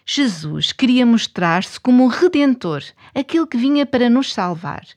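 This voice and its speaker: Higher-voiced Portuguese woman telling children's stories. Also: normal speed. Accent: European Portuguese. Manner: expressive, addresses young listeners. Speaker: children's programme host and storyteller. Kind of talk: scripted children's Bible storytelling.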